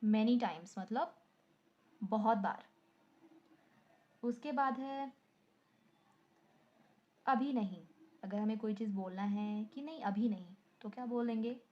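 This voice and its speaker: A woman's voice: fairly high pitch, slow pace, long pauses. A woman teaching a beginner lesson. She asks a question about each phrase and then repeats the answer. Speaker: English teacher, channel host. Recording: dull lo-fi recording.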